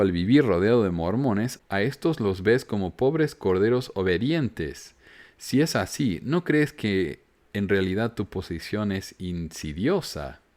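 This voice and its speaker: A man's voice: fairly low pitch, a little mellow. A man from Argentina with a Córdoba accent hosting a podcast, reading listener messages aloud with sarcastic asides. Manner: sarcastic, reads quoted messages with mocking emphasis. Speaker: podcast host. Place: home in Utah.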